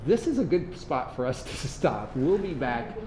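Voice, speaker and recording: A man's voice: mid-range voice, big pitch swings, moderate pace, darkish tone, slight background noise. A man hosting a talk show in a casual, conversational interview style.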